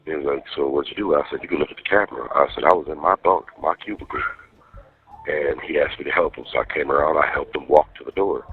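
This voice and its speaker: A man with an extremely low, gravel-edged voice talks on a prison phone. His delivery is casual, slangy and profane, like private storytelling, and the muffled lo-fi line dulls his husky voice. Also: fast. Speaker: jail inmate calling partner.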